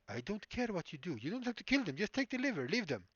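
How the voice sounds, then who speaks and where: A man's voice: high voice, very animated, quick pace, a bit bright, no room sound, lo-fi sound, voice pushed up, heavily acted. A man voicing a greedy back-alley surgeon who demands livers as payment, in a put-on stereotyped Eastern European accent with clipped, broken orders. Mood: callous. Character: greedy male back-alley surgeon selling cyber limbs, threatening.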